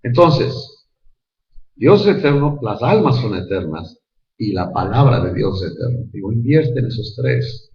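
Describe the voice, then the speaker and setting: A man giving a sermon in a conversational, storytelling way, slowing down to stress key phrases. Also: medium pitch. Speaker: preacher. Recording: echoey, dull hall recording.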